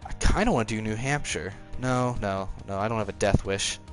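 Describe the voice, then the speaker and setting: Soft background music plays behind a fairly low-pitched male voice. It's a nineteen-year-old gaming streamer casually chatting live as he plays a racing game, rambling on and reacting to the race, chatty, quick to get frustrated, and prone to chuckles.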